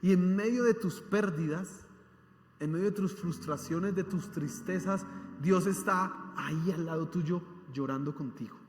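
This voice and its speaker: A man's voice: sits high, a little slow. A man preaching a sermon as pastor, speaking emphatically and putting rhetorical questions to his congregation. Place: church. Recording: echoey hall with faint music.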